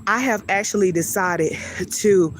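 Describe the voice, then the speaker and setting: Out on her daily walk, a woman hosts a live faith message, talking into a handheld phone. She's out of breath, preaching with repetition that keeps building. Her medium-pitched voice moves a little slowly, with slight background noise.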